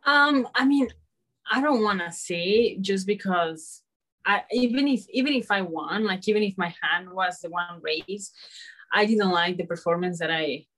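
A young woman fighter answering interview questions in a halting, hesitant way with many restarts. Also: medium pitch, a bit bright. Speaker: mixed martial arts fighter.

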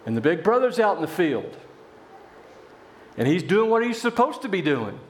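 A man preaching a sermon in a church, telling a parable with animated voices for its characters. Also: high-pitched, moderate pace, roomy sound, slight background noise. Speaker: pastor.

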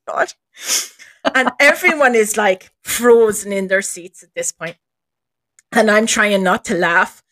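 A woman's voice: medium pitch, unhurried, dry recording. Laughing woman telling a story. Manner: lively, laughs often while telling a story. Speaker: guest paranormal investigator. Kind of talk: animated storytelling in a podcast chat.

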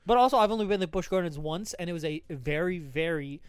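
A podcast co-host in casual chat, laid-back and halting, often restarting phrases and saying "dude.". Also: mid-range voice, lively intonation, clean tone, dry recording.

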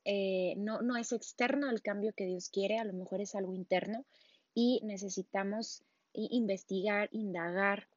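A woman preaches in an easy, conversational way, often tossing in little tag questions. Her voice sits at an ordinary middle pitch. The recording is dry and a little muffled. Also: steady tone, moderate pace, no echo. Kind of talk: casual sermon.

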